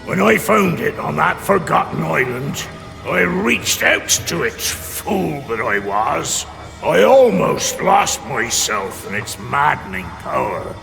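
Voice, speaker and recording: An actor playing a weathered, brooding pirate captain in a video game, with a gravelly, solemn and dramatic delivery. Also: male voice, medium pitch, exaggerated voice. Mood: regretful. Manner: slow, dramatic, weighty. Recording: long reverb with music behind.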